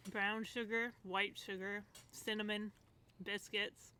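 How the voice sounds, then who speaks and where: A woman with a bright, sharp-toned voice chats as a cooking guest on a show. She giggles often and hedges her words, with lots of "like" and "I guess". Faint noise sits behind her. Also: medium pitch, little pitch movement, slow. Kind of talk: casual chat.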